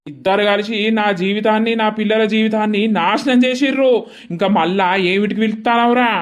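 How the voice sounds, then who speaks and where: This cartoon village man is middle-aged and bitter, and he scolds and curses at full volume, as a voice actor puts him on. He speaks in a Telangana accent, at a middle pitch. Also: fairly even intonation, a little fast, natural voice. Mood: scolding. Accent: Telangana Telugu. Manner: scolding, cursing, loud. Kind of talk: village comedy cartoon dub.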